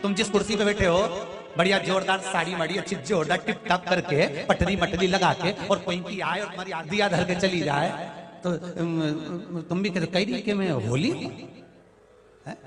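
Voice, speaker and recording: A man's voice: sits high, steady tone, normal speed. A middle-aged man preaching a devotional sermon, exhorting his listeners and repeating phrases for emphasis. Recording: devotional music playing behind.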